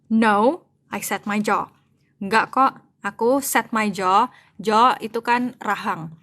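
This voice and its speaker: A bright, forceful tone marks this woman's medium-pitched voice, and she keeps a measured pace. Working as an online English-to-Indonesian tutor, she reads a novel aloud in English and gives each line in Indonesian. She talks casually, thinks aloud, searches for words, and mixes both languages without restraint.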